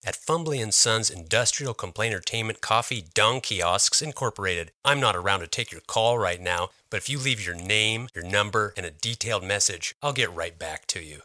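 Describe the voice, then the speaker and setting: A man recording his outgoing answering machine greeting in a brisk, mock-formal way. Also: fairly low pitch, expressive, sharp tone, no room sound, clean studio sound. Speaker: voicemail owner.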